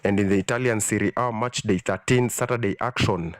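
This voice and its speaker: A man's voice: on the low side, brisk, clean tone, no echo. A man reading a scripted sports news segment, steadily listing football fixtures and kick-off times. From Kenya. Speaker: sports reporter.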